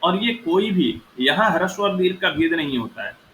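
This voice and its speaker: A man's voice: high-pitched, lively intonation, moderate pace, fairly bright tone. A man teaching Sanskrit grammar, explaining step by step and sounding out vowels aloud to show their length. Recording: echoey room with faint noise.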